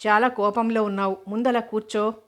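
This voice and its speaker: A woman voicing a calm, teasing young male medical student who speaks in a playful, unhurried way. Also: medium pitch, natural voice.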